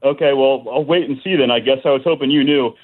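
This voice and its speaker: A man calling into a radio show over the phone on speakerphone, chummy and brisk as he works through a list of points. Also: mid-range voice, narrow, tinny audio. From New York. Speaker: radio call-in caller.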